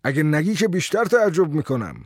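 A man's voice: a little high, sing-song, dry recording, clean studio sound, voice pushed up. A man reading a story aloud, voicing an eager, hearty middle-aged male schoolteacher playing host. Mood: jovial.

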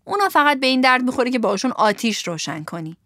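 A woman's voice: fairly high pitch, big pitch swings, a bit bright, no room sound, clean studio sound. A woman doing a wry, sensible young boy. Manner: wry, mocking.

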